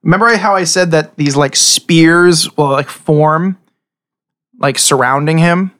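Male game master, slightly high voice, casual halting narration of tabletop combat and scenes. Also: a bit bright. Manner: halting, improvised descriptions.

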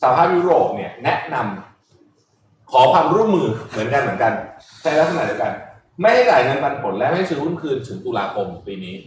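A man hosting a casual talk show, explaining news in a lively, animated way and laughing now and then. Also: mid-range voice, fairly quick, distant mic, a little hiss or hum. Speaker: host. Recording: roomy echo from off-mic, faint ambience.

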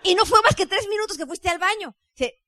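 A woman with a Mexican accent delivers a motivational talk on leading a sales team. Her voice sits high and bright, and she keeps turning to the audience in a chatty, lively way. The sound is dry and close. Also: a little fast, no echo. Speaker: network marketing leader.

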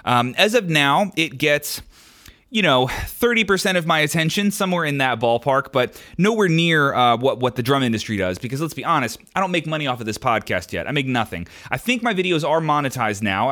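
Speaking into a podcast microphone, a young adult man hosts his own show and responds to listener questions. The voice sits mid-range with a slight brightness, and his answers ramble candidly, broken by ums and restarts.

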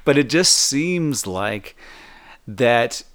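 A man co-hosting a casual comedic chat, hedging and restarting as he pushes back with skepticism. His voice sits at an ordinary middle pitch. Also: lively intonation, drawn-out words, fairly bright tone, clean tone. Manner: hesitant, restarts often, skeptical. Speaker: podcast co-host.

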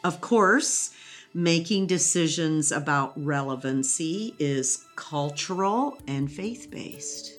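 A woman with a low voice talks through ideas in a patient, teacherly way. She explains step by step and laughs easily, and faint music sits quietly under her. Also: animated, slow pace. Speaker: educator guest. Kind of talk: conversational interview.

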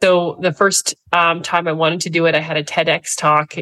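A woman in her forties from Canada, a guest speaker telling personal stories in a candid interview, earnest and animated, laughing through hard moments. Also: low-pitched, normal speed, poor audio.

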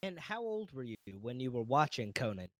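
A man's voice: medium pitch, big pitch swings, fairly quick, dry recording, clean studio sound. A man hosting a podcast, asking questions in an easy conversational way. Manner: conversational, asks follow-up questions. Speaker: podcast host. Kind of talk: casual interview chat.

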